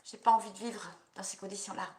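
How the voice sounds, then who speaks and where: A woman practitioner leading a guided EFT tapping session, repeating slow affirmations and coaching listeners between phrases. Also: medium pitch, fairly even intonation, a little mellow, roomy sound.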